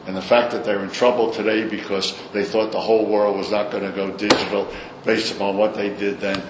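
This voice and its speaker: A man's voice: on the low side, level tone, a little fast. An older man with a Brooklyn accent telling his stories informally in an interview, in a blunt, salty, opinionated way. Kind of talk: informal storytelling in a recorded interview. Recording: echoey room, clear background noise.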